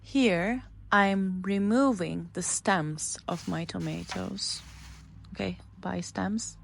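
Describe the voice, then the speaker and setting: Slow-speaking woman. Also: medium pitch, vocal fry, slight background noise. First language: Turkish. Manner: plain, simple sentences describing each step. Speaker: English teacher narrating a cooking video. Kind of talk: slow narration for language learners.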